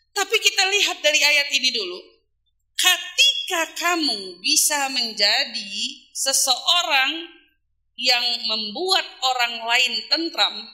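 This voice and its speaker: A woman's voice: high-pitched, pushed and bright. A woman preacher giving a casual religious talk to women. She asks rhetorical questions, answers them herself, and stretches single words out for emphasis. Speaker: Islamic preacher.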